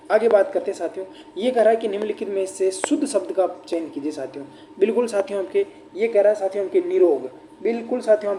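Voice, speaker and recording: Male teacher, dark voice. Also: high-pitched, a little hiss or hum. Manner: repeats rhetorical questions to students; slows down to dictate examples. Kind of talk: exam paper answer walkthrough.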